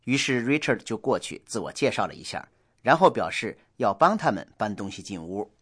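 A man hosting a scripted radio English lesson, explaining in a measured, steady way. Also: lowish voice, breathy edge. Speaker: language lesson host.

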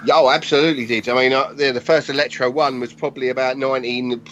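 A man in his forties talks in a loose, animated way, swearing casually as he tells stories. It is a relaxed podcast chat. The audio is somewhat dull and lo-fi. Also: mid-range voice, quick pace, slight background noise. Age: 40s. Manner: animated storytelling, swears freely. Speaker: podcast guest, graffiti artist.

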